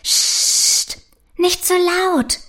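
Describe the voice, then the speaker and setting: A woman voicing a lively, caring young princess in a children's story, with a bright, lively voice. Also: high-pitched, unhurried.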